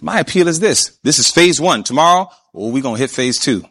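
A man preaching with a bright, forceful voice that swings widely in pitch. He is emphatic, keeps asking his listeners questions, and slows down to drag out key words. His voice sits a little higher than most men's. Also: animated, husky. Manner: emphatic, asks the audience questions. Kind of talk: sermon.

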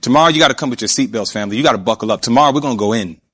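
A man preaching a sermon, emphatic, often asking his listeners questions and slowing down to stretch key words. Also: medium pitch, a bit bright, slightly rough. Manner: emphatic, asks the audience questions.

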